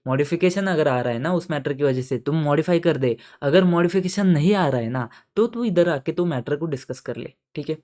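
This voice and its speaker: A man teaching audit in a casual, playful lecture, chatting with students and slowly repeating key terms. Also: on the high side, a little mellow. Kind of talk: casual Hindi-English lecture.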